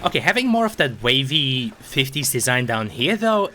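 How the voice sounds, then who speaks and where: A young man giving casual, rambling commentary over a video game, sarcastic and quick to swear, often stumbling over his words. His voice sounds bright and forward, with a faint hiss of noise behind it. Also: mid-range voice, very animated. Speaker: streamer.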